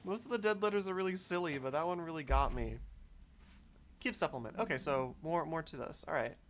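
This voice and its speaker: A man's voice: on the high side, a little fast, slight background noise. Man thinking aloud over gameplay. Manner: thinks aloud, chatty and reflective. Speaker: game streamer. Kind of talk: casual gameplay commentary.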